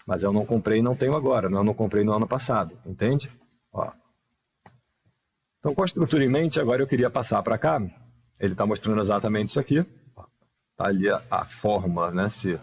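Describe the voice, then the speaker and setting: A lowish, creaky, slightly rough male voice teaches English grammar in a live online class. He explains patiently, poses many rhetorical questions, and reads each English example slowly and with care.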